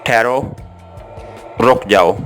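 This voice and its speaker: A man voicing a captured young Swiss woman in an audiobook, firm at first and then begging, over soft background music. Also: fairly low pitch, very slow. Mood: pleading. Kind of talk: audiobook character reading.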